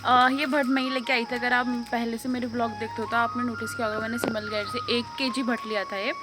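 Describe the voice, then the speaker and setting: A woman's voice: fairly high pitch, level tone, fast, rough recording. A young woman with a cold, chatting casually to her viewers in a home vlog and telling stories, slipping English words into her talk. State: has a cold. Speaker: vlogger. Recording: loud background music.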